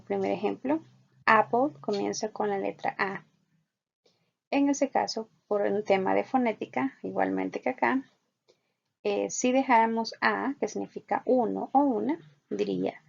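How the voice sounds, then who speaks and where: A woman teaching an online English lesson, explaining patiently and repeating example sentences slowly. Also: mid-range voice, creaky, husky. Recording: dull lo-fi recording.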